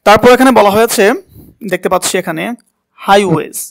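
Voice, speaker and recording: A man's voice: high voice, fairly quick, gravelly. A man teaching a spoken English class, asking a student to repeat words and correcting how they are said. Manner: coaching pronunciation, asks and repeats words.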